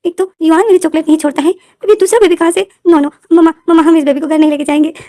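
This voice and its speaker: A woman's voice: very high-pitched, fairly even intonation, quick pace, warm tone, dry recording, voice pushed up. A woman voicing a childish grown man who whines and protests like a small child. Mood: whiny refusal. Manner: whining, crying protest.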